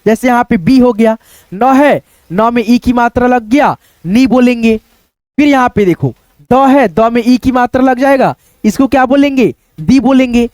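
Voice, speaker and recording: A young man teaching Hindi reading in a casual spoken lesson, repeating sounds and words slowly and calling to his viewers as friends. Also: very high-pitched, darkish tone, no room sound. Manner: repetitive, drills words slowly, coaxing "dosto".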